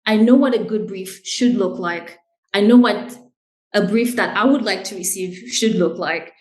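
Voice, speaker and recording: In a roomy, poor-quality recording, a Haitian-raised brand director speaks as an interview guest in a medium-pitched, darkish voice at normal speed. She explains her work earnestly and conversationally, peppering it with "right?" and "you know".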